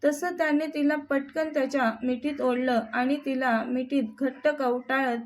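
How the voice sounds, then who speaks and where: Woman storyteller, high pitch, steady narration, scripted reading. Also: moderate pace.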